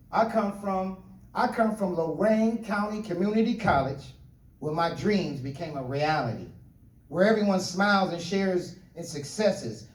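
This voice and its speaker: A middle-aged man from Ohio delivering a spoken word speech with a repeating, rhythmic refrain. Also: high voice. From Ohio, USA. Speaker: speaker. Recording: echoey room, voice from far off.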